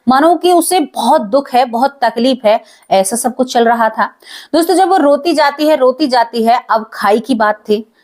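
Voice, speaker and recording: A woman tells a supernatural story in an emotive, dramatic way and keeps turning to her listeners as friends. Her voice sits fairly high. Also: a little mellow. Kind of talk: dramatic spoken story narration.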